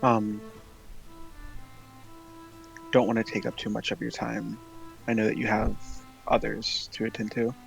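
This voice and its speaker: A man speaking in character in a tabletop game, hesitant and halting with many pauses and fillers. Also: on the low side, monotone, vocal fry, faint music behind, poor audio. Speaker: player. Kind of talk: in-character tabletop role-play.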